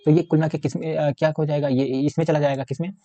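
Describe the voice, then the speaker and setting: A man's voice: fairly high pitch, steady tone, quick pace, mellow, no echo, lo-fi sound. A man teaching a casual exam-prep grammar lesson, talking while he writes on a board and often asking "है ना?". He speaks Hindi with an Uttar Pradesh accent. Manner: repetitive, keeps asking 'है ना'; talks while writing on a board.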